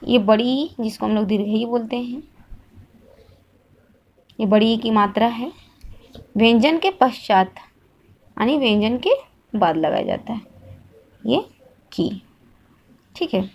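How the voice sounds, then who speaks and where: A woman teaching a Hindi grammar lesson at an unhurried pace. Her voice sits a little high, and she repeats each point patiently before turning it into a question for the listener. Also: a little mellow, highs cut off. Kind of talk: slow classroom-style grammar lesson.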